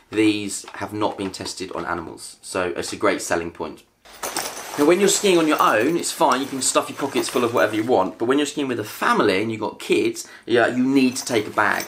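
A British man in his thirties, a family vlogger, sits on his living room sofa doing a casual product haul and chatting about gear. His voice is fairly low and a bit bright, and he sounds chatty and upbeat, laughing between items. A camera on a tripod in front records him, with a little hiss or hum.

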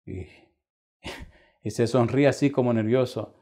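A man's voice: mid-range voice, slow. A male pastor preaching a sermon, telling a story and acting out the voices of the people in it. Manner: dramatic, shifts between loud and hushed quoted voices. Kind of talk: sermon with acted-out anecdotes.

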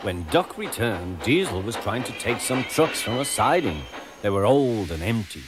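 A man narrating a children's storybook aloud in a measured, expressive way. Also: lowish voice. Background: music.

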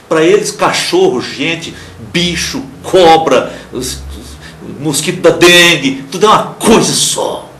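A man preaching a televised sermon with a Brazilian accent, emphatic, swinging between loud declarations and soft murmurs and acting out the people he quotes. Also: on the high side, a little hiss or hum. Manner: acts out quoted people in raised voices. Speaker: pastor. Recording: roomy with faint ambience.

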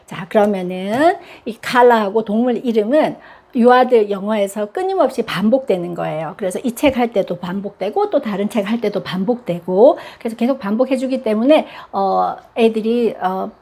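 A woman explaining children's English activities to parents in a chatty instructional style, switching into a high sing-song voice for the drills. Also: lively intonation, normal speed, mellow. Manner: chatty, gives advice to parents. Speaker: English teacher for young children.

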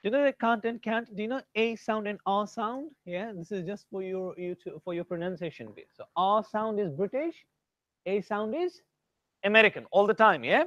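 A man's voice: sits high, lively intonation, normal speed, fairly bright tone, muffled recording. An Indian-accented man leads a grammar lesson. He drills his students by name and slips between English and Hindi as he explains. The sound is dry, with no room echo. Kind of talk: live grammar class.

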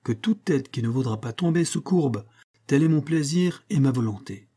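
A man's voice: mid-range voice, expressive, normal speed, mellow, husky. A man reading a stern, commanding medieval king. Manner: imperious, stern pronouncements. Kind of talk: audiobook character reading.

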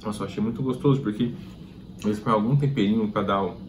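A man from Brazil talking while chewing, chatting casually to viewers as he reviews fast food. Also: lowish voice, background noise. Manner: chatty, addresses viewers directly.

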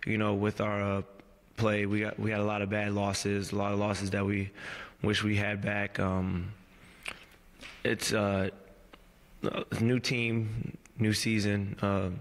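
A professional basketball player in his thirties answers questions at a postgame press conference in a low, even voice. He's slow and measured yet halting, with many fillers, pauses and restarts. Seated in a press room before a team backdrop, he speaks into a table mic on a stand that picks up a long reverb.

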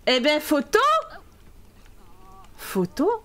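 A woman's voice: high voice, animated, extremely slow. A woman streamer giving live gameplay commentary, chatting with viewers in a teasing, sarcastic way.

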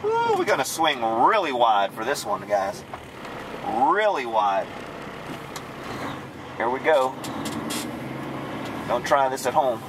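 A man's voice: mid-range voice, huge pitch swings, slow, long pauses. A man driving a truck, talking casually to his viewers and muttering to himself as he drives, with casual swearing. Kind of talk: casual running commentary while driving. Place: inside a truck cab, driving at dusk. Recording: engine and road noise in the cab.

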